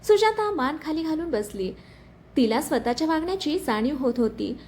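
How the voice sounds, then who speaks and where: A woman's voice: high-pitched, moderate pace, slight background noise. A woman telling a dramatic story in scripted narration. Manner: dramatic, expressive reading.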